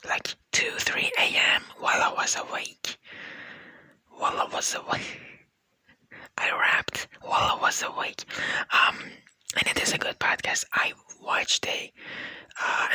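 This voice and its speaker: Whispering close to the mic in a soft, unvoiced way, a young university student shares a laid-back, rambling ASMR diary vlog full of fillers. English isn't her first language, and Persian is a second language for her. The recording is rough, with no room sound.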